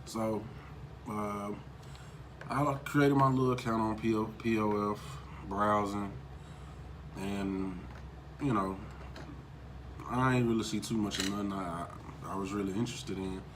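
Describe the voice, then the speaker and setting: A man, telling stories casually in a relaxed, slangy, joking way. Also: fairly low pitch, measured pace, pauses often. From Memphis, USA. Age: 20s. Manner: laid-back, slangy, joking. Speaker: vlogger's husband. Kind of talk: casual storytelling. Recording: noticeable background hiss.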